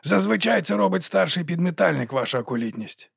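A man voicing an ancient, wily monk sweeper who teases and chides in a raised, lively voice. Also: sits high, fairly quick, gravelly, slightly rough, no echo, studio quality, pitched above the performer's own voice, full character voice. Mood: sly teasing. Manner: teasing, chiding, lively.

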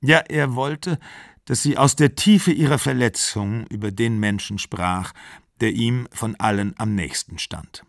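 A man calmly reading literary fiction aloud. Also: medium pitch, unhurried, no echo, studio quality. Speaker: audiobook reader.

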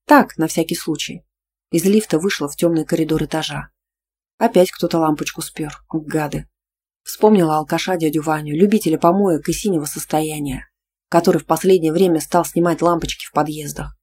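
A woman narrating a romance novel in the first person, in a lively, conversational storytelling manner. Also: low voice, a little fast, slight background noise. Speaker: audiobook narrator.

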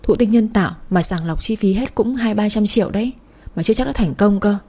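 A woman's voice: mid-range voice, brisk, mellow, breathy edge. A woman doing a worried, cash-strapped husband. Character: worried husband, short of money.

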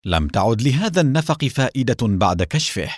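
A man doing a calm, secretive mystery rider. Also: mid-range voice, brisk, dry recording, studio quality. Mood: cool. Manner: calm, dismissive.

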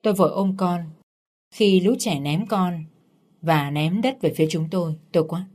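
Low-voiced woman narrating a story. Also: normal speed, darkish tone. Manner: reads every character herself, first-person narration.

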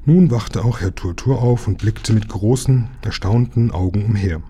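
Dark-voiced male storybook narrator. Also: lowish voice, normal speed, breathy edge. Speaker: audiobook reader.

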